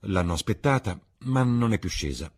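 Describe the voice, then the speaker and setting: A man with a husky voice voicing a worldly, cynical gentleman in an audiobook reading, speaking gravely and coaxingly. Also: on the low side, animated, normal speed, voice pushed up. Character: worldly, cynical older gentleman, calm and persuasive.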